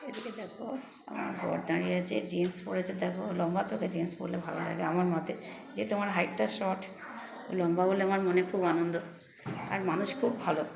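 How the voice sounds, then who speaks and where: A middle-aged woman with a hoarse voice, chatting casually to her viewers in a lifestyle vlog while out near home. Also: on the low side, fairly even intonation, fast, crowd noise. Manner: chatty, addresses viewers directly. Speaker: lifestyle vlogger. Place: out and about near home and shops. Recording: loud background noise.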